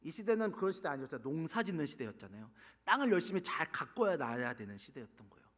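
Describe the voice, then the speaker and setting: Expressive pastor with ringing church reverb. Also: male voice, a little high, fast talker. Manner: dramatic swings from loud questions to hushed whispers. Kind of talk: sermon. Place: church sanctuary. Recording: long church hall reverb.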